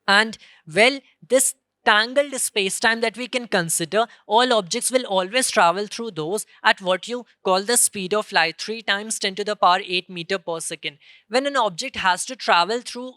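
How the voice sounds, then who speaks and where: Woman, stage science talk, bright crisp voice, dry close sound, earnest, self-correcting. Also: medium pitch, normal speed, no echo. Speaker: student presenter. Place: convention centre stage.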